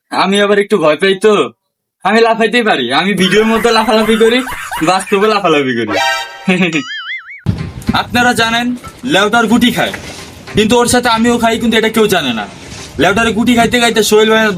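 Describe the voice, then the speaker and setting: A boastful, shady man who barks orders and blusters , played by a male comedian. His speech sits high in pitch. A music bed runs under the sketch throughout. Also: lightly acted. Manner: blustering, bossy, quick to threaten. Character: boastful shady adult man, self-styled humanitarian.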